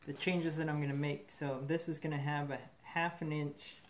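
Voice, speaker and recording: A man's voice: fairly high pitch, moderate pace, a little hiss or hum. Man explaining a shop build. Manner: relaxed, thinking aloud with fillers. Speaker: metal fabricator demonstrating a build. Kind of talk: casual shop demonstration. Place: indoor metal fabrication shop. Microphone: camera mic, speaker off-frame above the bench.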